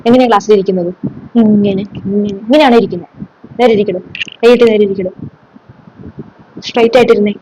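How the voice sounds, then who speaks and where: A woman's voice: medium pitch, steady tone, fast, pauses often, background noise, lightly acted. A woman playing a strict schoolteacher who lectures and scolds her class sarcastically. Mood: stern. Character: strict scolding female schoolteacher, middle-aged. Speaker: comedy sketch creator. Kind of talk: solo comedy sketch.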